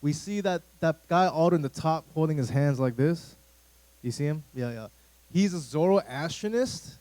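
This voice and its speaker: In a church room, a youth pastor in his thirties from the United States gives a casual, meandering talk to a youth group, full of fillers and asides. His voice is fairly high and warm, with lively intonation and a moderate pace, captured in a rough recording.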